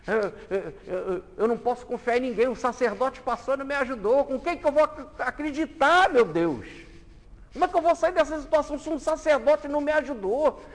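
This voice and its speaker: A man's voice: very high-pitched, lively intonation, fairly quick, voice pushed up. A man voicing a beaten, despairing man who stammers and pleads in anguish. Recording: long hall reverb.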